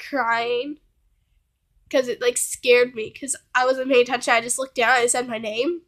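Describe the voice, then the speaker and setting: A woman's voice: high-pitched, a bit bright. A young woman vlogging while sick, telling a story in casual chat and rambling with constant fillers.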